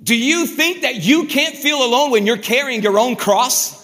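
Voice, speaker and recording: High, bright-voiced animated male preacher. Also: normal speed. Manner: animated, conversational, acts out quoted prayers. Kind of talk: sermon. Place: church hall. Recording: reverberant hall.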